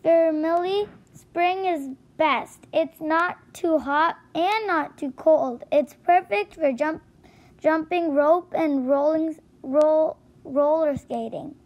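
A woman's voice: sits high, takes it slowly, lo-fi sound. A woman reading the lines of a cheerful young girl in a children's storybook, stumbling over some words.

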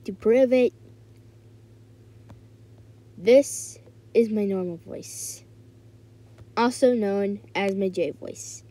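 A woman's voice: medium pitch, very slow, pauses often, warm tone. A woman talking casually to her viewers as a video creator, playful and rambling. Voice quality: playful, rambling, self-correcting. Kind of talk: casual talk to camera.

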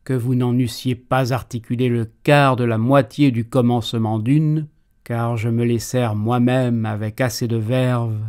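Proud, sharp-witted swordsman-poet played by a male actor; stage verse, mocking and declamatory, unhurried delivery, mid-range pitch. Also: steady tone, clear, resonant tone, close to an everyday voice. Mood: scornful, proud. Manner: declamatory, shifting tone from line to line. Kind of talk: theatrical French verse monologue.

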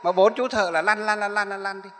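A man's voice: high voice, fairly even intonation, a little fast, sharp tone, slight background noise. A man, a Buddhist monk, telling a story in a sermon, rambling and often repeating or correcting himself. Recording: echoey hall.

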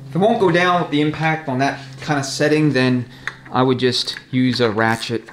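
Speaking at normal speed with a medium pitch, a man offers casual, hands-on commentary while rebuilding a transmission, explaining each step practically. The indoor repair shop sounds echoey, with noticeable noise and clicking tools.

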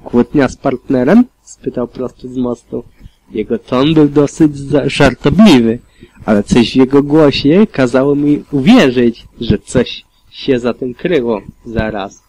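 A man reading a fan fiction audiobook aloud in a calm, steady manner with occasional slips. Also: mid-range voice, unhurried, low-quality recording. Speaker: audiobook reader.

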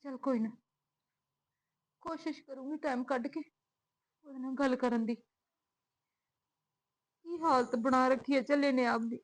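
A woman's voice: high voice, expressive, brisk, fairly bright tone, rough recording. A woman playing a young widowed daughter, crying as she pleads. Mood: anxious.

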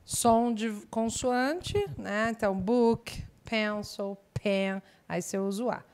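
A woman teaching English in a live online exam-prep class, explaining in a chatty way with lively asides. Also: mid-range voice, slow, clean tone. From Brazil.

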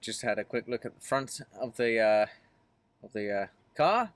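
Mechanic vlogger, man in his thirties, plain mid-pitched voice, matter-of-fact phone-camera talk. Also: lively intonation, normal speed, dry recording. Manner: matter-of-fact, explanatory, frequent "uh" fillers. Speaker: mobile mechanic. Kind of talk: casual work vlog narration. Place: van cab and outdoors at a vehicle in rain. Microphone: phone camera held at arm's length.

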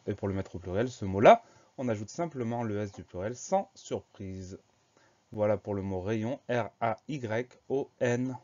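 A man's voice: on the low side, warm tone, dull audio. A man teaching a spelling lesson, patiently explaining words and spelling them out letter by letter.

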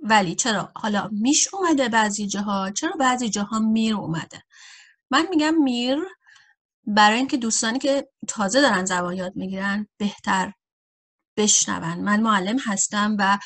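A woman teaching a German grammar lesson, addressing viewers directly and saying example sentences slowly and carefully for learners. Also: mid-range voice, fairly bright tone. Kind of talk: grammar lesson explained in Persian.

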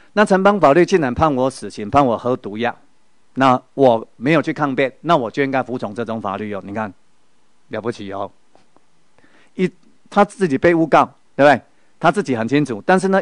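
A man's voice: mid-range voice, no echo. A middle-aged man with a Taiwanese Mandarin accent gives a Buddhist spiritual lecture. He tells stories and keeps asking his audience rhetorical questions.

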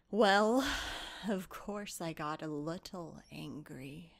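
In a tabletop game, a woman voices a young female blacksmith, earnest and haunted, narrating her story through measured, literary lines and dramatic pauses. She speaks in a natural, medium-pitched voice.

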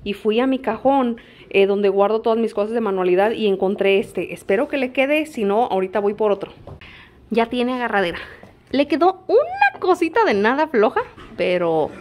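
A woman's voice: fairly high pitch, normal speed. A middle-aged woman with a Mexican Spanish accent, chatting playfully and teasing as she talks to her viewers. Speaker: vlogger. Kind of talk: casual vlog chat to viewers. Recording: steady background noise.

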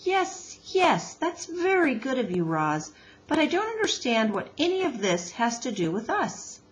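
A woman acts out a bossy beaver wife from a children's storybook. She is brisk, practical and courteous in a no-nonsense way, with very animated pitch. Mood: exasperated. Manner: scolding yet courteous, no-nonsense.

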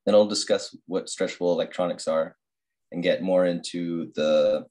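A young man, a master's student, giving an academic slide presentation over a screen-recorded video call, halting with many fillers and restarts. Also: low-pitched, a little mellow.

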